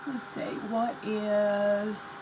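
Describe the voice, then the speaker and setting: A woman's voice: medium pitch, little pitch movement, extremely slow, noisy background. Chatty woman with a North Carolina Southern accent. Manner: chatty and folksy, greeting viewers by name. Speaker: craft host. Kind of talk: live-streamed craft demonstration.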